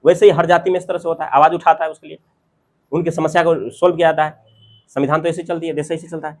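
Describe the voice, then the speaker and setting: A man teaching a class, reading English passages slowly and explaining them in Hindi with everyday examples, with an Indian English accent. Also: on the high side, flat delivery, a little mellow.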